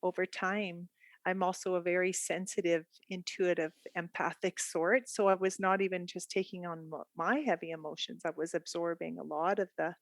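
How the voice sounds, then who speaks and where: A middle-aged woman from Canada, speaking with a Canadian accent, is interviewed on a podcast as a guest art therapist and talks openly, reflectively, and chattily, laughing easily. Her voice is on the low side and steady, at normal speed with no echo.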